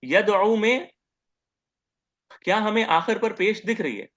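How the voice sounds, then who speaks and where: A man giving a grammar lecture as teacher, posing questions to the class, answering them himself and repeating each term slowly. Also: high-pitched, animated, a bit bright, highs cut off. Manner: asks questions and answers them himself, repeats terms, says "okay" often.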